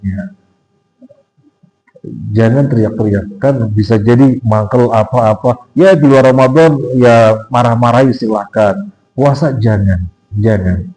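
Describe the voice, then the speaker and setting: A man in a mosque giving a casual sermon as an ustadz, teasing the audience with questions and acting out quoted voices in a strained, raised pitch. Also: measured pace, warm tone, poor audio. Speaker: ustadz giving a pre-Ramadan study talk. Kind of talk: informal sermon.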